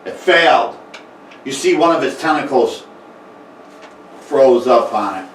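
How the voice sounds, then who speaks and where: Halting man running a tabletop game. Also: medium pitch, expressive. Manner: halting, many fillers and restarts. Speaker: game master. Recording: echoey room, mic far off, faint noise.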